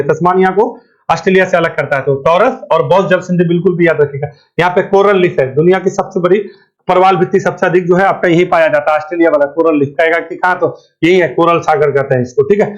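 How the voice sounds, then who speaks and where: High-pitched quizzing teacher, lo-fi. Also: male voice. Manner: colloquial, keeps asking and answering his own questions with "thik hai". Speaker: current affairs teacher. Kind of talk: exam-prep lecture. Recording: dull lo-fi sound.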